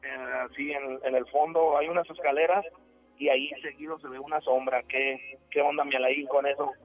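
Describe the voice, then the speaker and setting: A man, calling into a radio show and telling a ghost story in a halting, rambling way with many restarts. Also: mid-range voice, steady tone. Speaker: radio caller. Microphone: telephone. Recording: tinny phone line with faint music.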